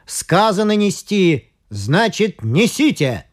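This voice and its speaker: A man's voice: high voice, big pitch swings, a little hiss or hum, voice pushed up, full character voice. Bellowing demon strongman, as a man puts him on. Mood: boastful. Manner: bellowing, slow and drawn out. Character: boastful bullying male demon strongman. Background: faint music.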